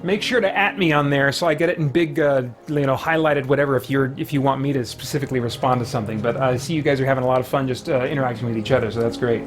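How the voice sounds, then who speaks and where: Over soft background music, a man with a medium-pitched, steady voice hosts a video game livestream. He talks fast with few pauses, rambling casually and breaking off mid-thought to react to the game and his chat.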